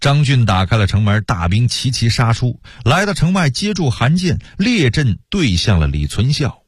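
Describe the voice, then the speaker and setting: Male radio storyteller, husky voice, dry close sound, chatty asides. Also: mid-range voice, moderate pace, dry recording. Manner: lively, colloquial storyteller with asides.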